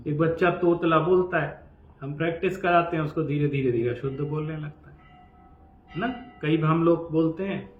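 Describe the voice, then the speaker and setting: A man giving a lecture on scripture, slowly chanting verses and then explaining them in a lively, conversational way. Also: on the high side, faint music behind. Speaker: professor teaching scripture. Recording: echoey, dull-sounding room recording.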